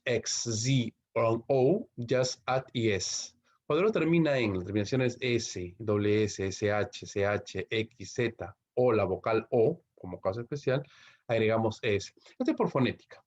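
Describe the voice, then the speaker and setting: Peruvian man teaching english grammar. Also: mid-range voice. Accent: Peruvian Spanish. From Peru. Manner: constantly checks in with tag questions like ok and no; reads English example sentences slowly, then translates. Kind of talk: Spanish-language English grammar lesson. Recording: dull lo-fi recording.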